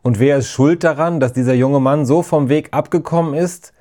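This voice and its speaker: A thundering, pompous mock priest of a carnival festival, booming out solemn accusations to the crowd in a storybook reading, as a man puts him on. His voice sits higher and louder than a plain reading, yet stays mellow and warm in tone. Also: moderate pace, close to an everyday voice. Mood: accusing.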